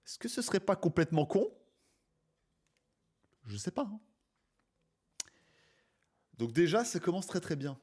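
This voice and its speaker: A man's voice: high-pitched, sing-song, unhurried, long pauses, a little mellow. Mocking man reacting to videos. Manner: mocking, playful, exaggerated. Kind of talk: casual reaction commentary.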